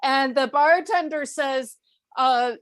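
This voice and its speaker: Female improv player, high voice, quick reactions. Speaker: improv performer. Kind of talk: live improv joke game.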